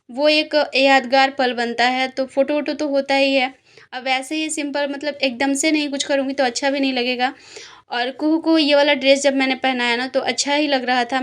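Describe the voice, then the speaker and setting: A woman's voice: high voice, a bit bright. A young woman, a mother, telling her vlog story in a chatty, rambling voice-over full of fillers, tired from a headache. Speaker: vlogger, mother. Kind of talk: casual voice-over narration.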